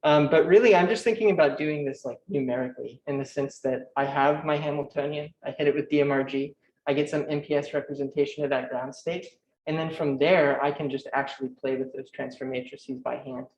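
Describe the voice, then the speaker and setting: A young man giving a technical conference talk, talking quickly with frequent fillers and restarts. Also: on the high side, steady tone, a little mellow, slight background noise, poor audio. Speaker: conference speaker. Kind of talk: academic talk.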